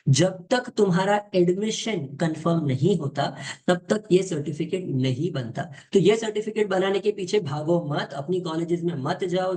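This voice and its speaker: Man, high-pitched voice, casual tutor, direct, informal. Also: a little mellow. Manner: direct, mixes Hindi and English, addresses viewers informally. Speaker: exam coaching tutor. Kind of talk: casual explainer lesson.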